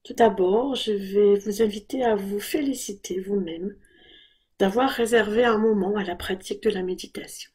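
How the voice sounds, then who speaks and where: This guided body scan meditation is led by a woman whose voice is medium in pitch, soft and breathy. She delivers calm, gentle instructions at an unhurried pace.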